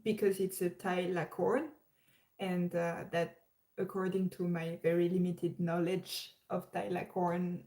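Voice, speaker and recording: A young woman with a French accent hosts a casual livestream chat in a low-leaning, mellow voice. She's hesitant, filling her speech with fillers and restarts, and the audio quality is poor.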